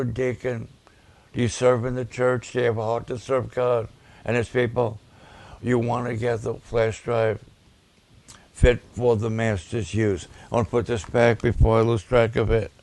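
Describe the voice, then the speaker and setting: A male pastor with a gravelly, sometimes raspy voice of medium pitch and darkish tone preaches slowly. Speaking deliberately and repeating points for emphasis, he promotes ministry videos to a livestream audience.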